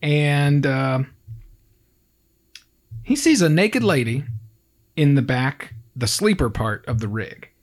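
Animated man telling a true-crime story. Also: on the high side, slow, pauses often. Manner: acts out quoted people with raised voices, laughs often. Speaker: podcast co-host.

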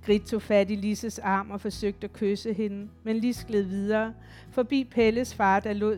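A woman's voice: mid-range voice, a little mellow. Woman reading a literary audiobook. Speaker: audiobook narrator.

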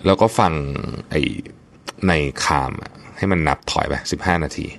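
A man's voice: low voice, normal speed, a little hiss or hum. A middle-aged man hosting a podcast alone and unscripted, talking casually with many fillers and restarts. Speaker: podcast host. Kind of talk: unscripted solo podcast talk.

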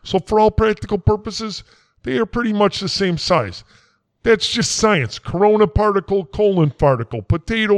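A man's voice: high voice, dry recording, studio quality. A man playing a blustering, folksy quack doctor, rambling in a comedy sketch. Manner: rambling, brash, folksy slang.

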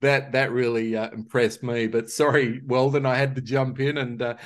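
Podcast host, man, mid-pitched voice, rambling and hesitant, casual. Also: level tone, moderate pace. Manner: rambling, hesitant, full of restarts. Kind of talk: casual interview chat.

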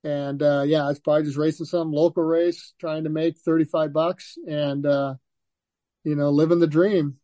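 Older man with a dry, mellow voice. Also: fairly high pitch, normal speed, dry recording. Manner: relaxed storytelling, frequent restarts and "you know". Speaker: guest, former motocross racer. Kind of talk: casual interview.

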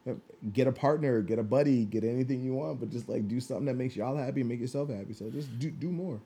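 A young man talks as a podcast co-host in a relaxed, dark-toned voice. His delivery is laid-back and slangy, peppered with swearing. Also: mid-range voice, fast. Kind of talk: casual chat.

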